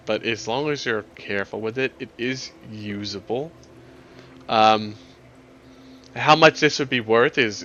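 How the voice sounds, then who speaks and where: A man's voice: mid-range voice, vocal fry, bright, forceful tone, dull audio. A man running a tabletop game as game master, talking in a rambling, chatty way and laughing often.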